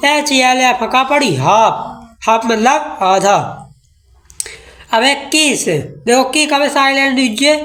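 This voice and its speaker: A woman teaches a classroom English lesson. She speaks slowly and patiently, repeating each rule and checking often that the class follows. Her voice sits high. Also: a bit bright, faint music behind. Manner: slow, repetitive teaching with frequent checks.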